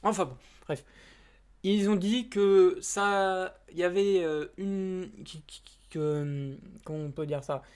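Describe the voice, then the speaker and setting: A man's voice: sits high, steady tone, slow pace, a little mellow, smooth. A man chatting casually to camera as a YouTuber. He rambles and hesitates, with many fillers and restarts, in informal, slightly crude speech.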